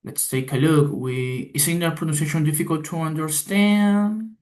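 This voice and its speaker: A man presenting a class talk, reading his slides aloud haltingly, with pauses and restarts. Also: fairly high pitch, a little mellow. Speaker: student presenter.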